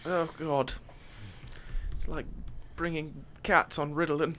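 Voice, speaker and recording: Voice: medium pitch, flat delivery, slow pace, fairly bright tone, a little hiss or hum. A player speaking in character in a tabletop role-playing game, using a haughty, formal noble tone.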